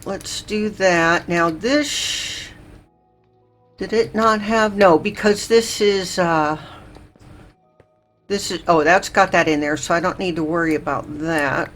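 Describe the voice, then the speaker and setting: A woman hosting a slow, chill game let's play, thinking aloud with lots of fillers and a little out of breath. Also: fairly low pitch. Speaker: Minecraft let's play host. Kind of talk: slow, chill gameplay commentary.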